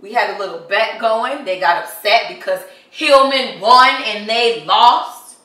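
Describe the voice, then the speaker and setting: Woman doing a brash young college dude, bright voice, echoey room, mic kinda far. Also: a little high, measured pace. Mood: indignant. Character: young male college student from Hillman in a campus dispute.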